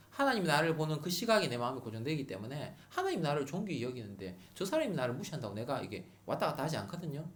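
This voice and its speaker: A middle-aged pastor preaching a sermon at a Friday prayer meeting, repeating key words for emphasis. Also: mid-range voice.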